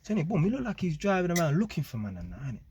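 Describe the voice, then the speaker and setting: A man casually telling a story to camera, animated and full of street slang and tag questions. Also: a little high, rapid-fire, highs cut off, slight background noise. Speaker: vlogger.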